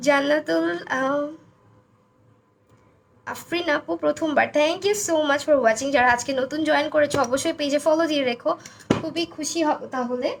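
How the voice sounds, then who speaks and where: A young woman from Bangladesh hosts a live makeup stream in a high, hoarse, gravelly voice. She talks casually and reads viewer comments aloud. A faint hiss sits behind her. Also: moderate pace. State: hoarse, voice broken.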